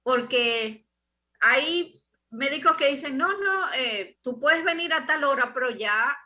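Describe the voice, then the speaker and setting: A woman hosting an interview and asking a doctor measured, drawn-out questions. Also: high voice, pushed and bright. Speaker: interviewer host.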